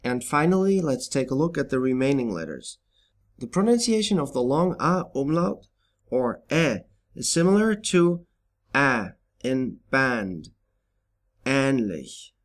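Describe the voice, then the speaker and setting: A man narrating a pronunciation lesson in a slow, deliberate way, pausing on each example word. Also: a little high, sing-song. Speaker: language teacher. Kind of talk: scripted instructional narration.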